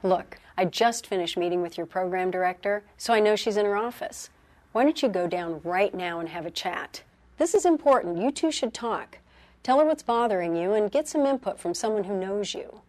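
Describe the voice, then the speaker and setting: An actress playing a calm, caring senior doctor. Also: female voice, medium pitch, normal speed, lightly acted. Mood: concerned. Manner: calm, directive, concerned. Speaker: supervising physician.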